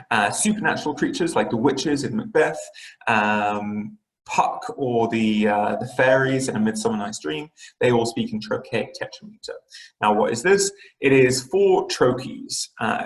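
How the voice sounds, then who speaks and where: Man, literature teacher, mid-pitched voice, halting explanations with fillers, echoey room. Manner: explanatory, frequent fillers and restarts. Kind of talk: online lesson lecture.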